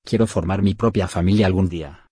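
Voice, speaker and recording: A man reading short phrases one by one for a language lesson, slow and even. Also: deep voice, breathy edge, no echo, studio quality. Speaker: phrase reader.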